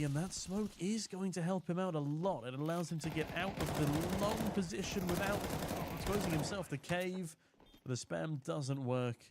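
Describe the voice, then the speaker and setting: A man from the UK casting a community tournament live, chatty and getting excited on big plays, while reading out viewer chat. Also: on the high side, background noise. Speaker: esports caster.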